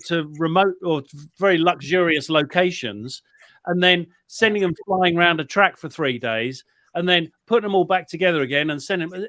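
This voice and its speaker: A man's voice: sits high, pushed and bright, no echo. A man on a panel in casual discussion, hedging and circling back over his words as he makes his point.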